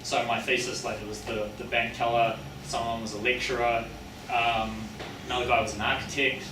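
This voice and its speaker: A man's voice: medium pitch, flat delivery, normal speed. A man with a New Zealand accent who talks like a working-class tradesman, matey and colloquial, rambling and correcting himself as he gives an informal public talk. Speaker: speaker giving a public talk on his research and book. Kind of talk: informal public lecture with audience questions. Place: indoor public venue with audience. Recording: echoey room, distant mic, clearly noisy.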